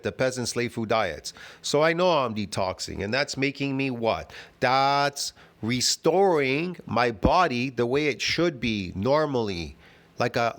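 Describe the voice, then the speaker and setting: Reacting to a video clip, this host speaks in a medium, fairly bright voice. His commentary is loose and meandering, repetitive and teasing, with frequent tosses of "bro" and "get it?"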